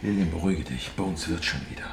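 An actor playing a worried father who urges calm while waiting for help, in a radio drama, in a roomy echo with music behind. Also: low-pitched, quick pace, creaky, background noise. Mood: soothing. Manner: urgent, soothing.

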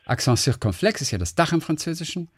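On this radio show, a middle-aged male co-host rambles through casual on-air chat, groping for words as he goes. His voice is a little high and slightly rough, very animated, with a quick pace.

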